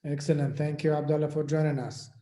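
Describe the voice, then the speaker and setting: A man's voice: fairly high pitch, little pitch movement, dark tone, reverberant. A man hosting an online meeting, calling on participants one by one and hesitating with fillers. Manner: halting, with many fillers. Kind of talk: introducing participants in casual chat. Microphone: video call.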